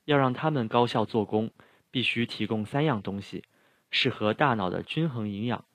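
In a teaching sermon, a middle-aged pastor speaks straight to his listeners, explaining things with earnest care. The medium-pitched voice is a bit bright and moderately paced, with no echo in the recording.

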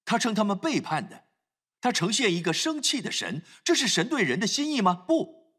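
A man's voice: high voice, very animated, normal speed, fairly bright tone, husky. A man preaching a sermon, emphatic, acting out scripture scenes as he talks.

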